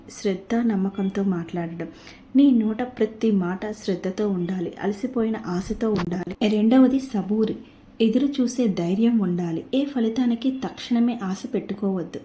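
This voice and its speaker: Mellow-voiced woman giving devotional guidance. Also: mid-range voice. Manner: earnest, addresses listener as mother throughout. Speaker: devotional message narrator. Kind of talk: devotional scripted narration.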